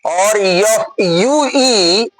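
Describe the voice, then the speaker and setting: Man teaching physics, high voice, slow deliberate delivery, step-by-step board work, checks the class often. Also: animated, rough recording. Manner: explains step by step, often asks the class if they follow. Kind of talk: classroom lecture solving a problem on the board.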